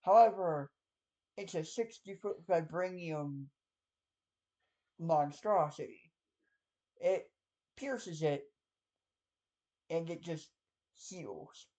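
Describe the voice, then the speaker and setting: A man's voice: on the high side, lively intonation, very slow, long pauses, warm tone, poor audio. A man narrating a tabletop game as game master in a loose, conversational way with frequent fillers.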